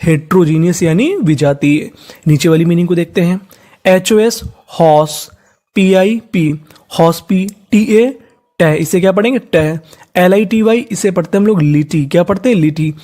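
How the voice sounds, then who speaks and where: A teacher giving a spelling lesson who spells each word letter by letter, blends it slowly, and asks and answers their own questions. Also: medium pitch, dark tone. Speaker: English teacher. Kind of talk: spelling lesson, sounding out words.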